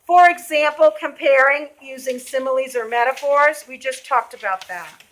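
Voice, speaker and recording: A woman teacher with a Boston accent runs a classroom reading lesson, quizzing students by name. Her voice sits high and sounds bright and sharp. The room around her rings with echo. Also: normal speed. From Boston area. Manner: questioning, calls on students by name. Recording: echoey classroom.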